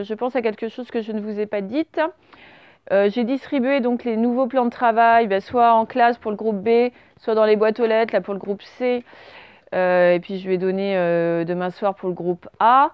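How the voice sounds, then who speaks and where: A French woman teacher giving a slow dictation lesson to young children, stretching out words and spelling letters. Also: mid-range voice, darkish tone, clear, resonant tone, no room sound. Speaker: primary school teacher.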